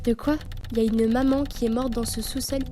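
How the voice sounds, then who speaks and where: High-voiced young woman, horror game streamer. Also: little pitch movement, brisk, mellow, slight background noise. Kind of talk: casual gaming commentary with dialogue read aloud.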